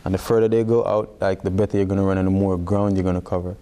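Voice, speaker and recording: A man's voice: deep voice, flat delivery, fast, dark tone. A young man in his twenties with a Jamaican accent, an athlete chatting in an interview, peppering his explanations with "like". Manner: explains with frequent "like" as filler. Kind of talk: casual interview talk.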